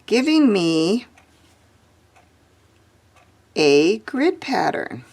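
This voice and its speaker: Slow-talking woman teaching a drawing lesson. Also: medium pitch, sing-song, gravelly, darkish tone, breathy edge. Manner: slow, chatty, thinking aloud while drawing. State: hiccups. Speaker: art teacher.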